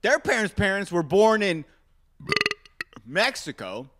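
A man's voice: sits high, very animated, slow pace, noisy background. A man from Arizona hosting a solo podcast, rambling through self-mocking rants aimed straight at his listeners. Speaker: podcast host. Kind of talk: casual solo podcast rant.

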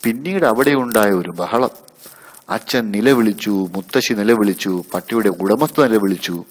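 A man reads a children's story aloud in a calm, measured manner. His voice sits on the low side. The delivery is steady and unhurried. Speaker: narrator. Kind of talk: storybook narration.

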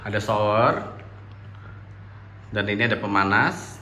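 This vlogger's lowish voice sounds pushed and bright, and he takes his time, with slight background noise behind him. Holding his phone, he narrates a relaxed, friendly tour through a mountain cafe and guesthouse, inside and out, pointing things out along the way.

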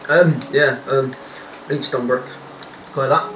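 A man's voice: medium pitch, steady tone, measured pace. Hesitant young man, echoey. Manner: hesitant, lots of ums, swears casually. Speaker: gaming co-player. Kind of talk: casual gameplay chat. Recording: echoey, far from mic, noisy.

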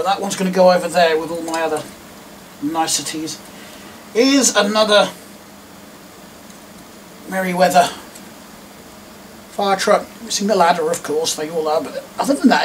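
A man's voice: high-pitched, noisy background. A middle-aged English man rambling casually as he sorts a box of toy cars at his desk, with self-mocking asides. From England. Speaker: diecast collector vlogger. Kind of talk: casual narration while sorting toys. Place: at a desk indoors. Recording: distant mic with clicks and clatter.

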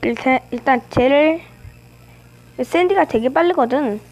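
A woman's voice: sits high, unhurried, darkish tone, poor audio. A woman commenting on her own gameplay as a channel host, playfully teasing and trash-talking her opponents. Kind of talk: live game commentary.

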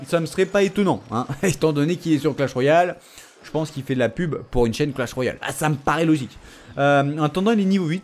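Lively joking gamer. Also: male voice, a little high. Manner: joking, teasing, talks to the viewer and opponent. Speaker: gaming YouTuber. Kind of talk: casual gameplay commentary. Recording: faint background noise.

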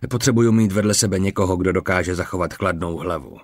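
Cool, methodical Roman army surgeon, voiced by a male reader, low and steady, dry audiobook sound. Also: no room sound. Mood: measured. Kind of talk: audiobook character reading.

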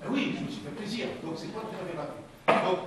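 A man giving a lively, colloquial talk to parents at a conference, speaking straight to the audience and often repeating his words. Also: high voice, fast talker. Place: conference hall. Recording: very echoey hall, distant from the mic, faint noise.

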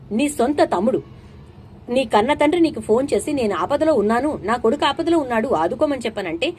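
Female narrator recapping a soap episode, slightly high voice, faint hiss behind. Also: darkish tone. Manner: acts out characters' lines in quoted dialogue. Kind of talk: retelling a TV serial episode.

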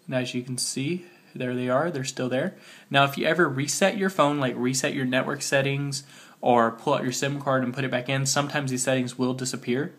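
A man's voice: mid-range voice, fairly bright tone. Slightly muffled man, sick, giving a tutorial. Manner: talking while working on a phone, spelling things out slowly. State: sick with a cold. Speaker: tutorial host. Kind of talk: casual step-by-step phone tutorial.

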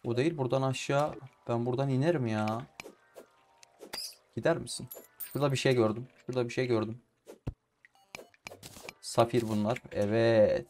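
A young man with in-ear headphones, chatting casually as he plays and often swearing or shouting at the game. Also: medium pitch, steady tone, moderate pace, pauses often, faint music behind. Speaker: gaming YouTuber. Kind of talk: casual let's-play commentary. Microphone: in-ear headphones with mic.

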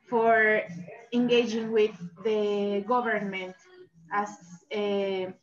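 A young woman from Mexico asks her question in English on a video call, slowly and haltingly, with a Mexican Spanish accent. Her voice sits fairly high. The audio is dull and sounds echoey, as if picked up in a bare room. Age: young adult. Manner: slow, halting, searching for words. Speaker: workshop participant.

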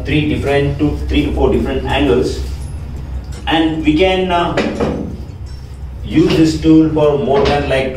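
A man's voice: medium pitch, darkish tone, slight background noise. A young man, a fitness trainer presenting home gym picks with many fillers like "guys, like", recorded in a small room. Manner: filler-heavy, says "guys, like". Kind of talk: equipment walkthrough. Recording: echoey room, distant from mic.

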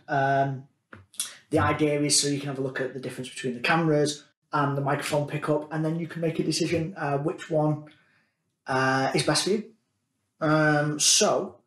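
Filling his talk with "um" and "uh," a fairly high-voiced man casually demonstrates gear, chatty and thinking aloud. The meeting room has a large table and echoes, and the conference room device mics sit at varying, often distant, positions.

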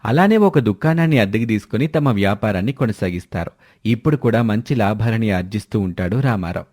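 Man narrating a cartoon tale, lowish voice. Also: brisk. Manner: steady storytelling. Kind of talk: scripted narration.

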